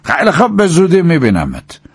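A man's voice: fairly high pitch, huge pitch swings, husky, no room sound, full character voice. A man voicing a male detective who speaks with urgent insistence in an audiobook. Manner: pleading, insistent. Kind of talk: audiobook character voice.

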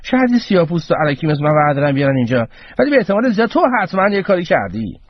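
Man voicing a cheeky high-voiced young man. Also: sing-song, slight background noise. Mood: cocky, indignant. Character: cheeky indignant young man under arrest. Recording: dull radio broadcast.

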